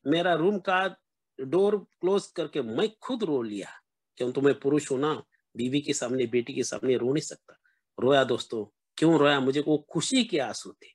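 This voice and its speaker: A middle-aged man from Maharashtra, earnestly sharing his recovery story with a meeting. He keeps calling his listeners friends and mixes in English words. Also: fairly high pitch. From Maharashtra, India.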